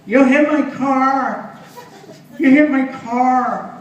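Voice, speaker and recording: Shrill, shouting little man, indignant, as a comic puts him on. Echoey room, from far off. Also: fairly even intonation, very slow, highs cut off, exaggerated voice. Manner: shouting, high and strained. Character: angry indignant short grown man.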